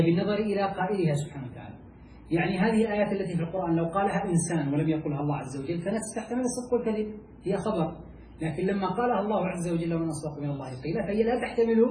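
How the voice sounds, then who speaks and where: A man teaching a lesson, who repeats phrases and keeps asking his students whether it is clear. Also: high-pitched, mellow. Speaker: teacher of Islamic logic. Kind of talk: classroom lecture explaining a text. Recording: echoey room, mic at a distance, faint hiss.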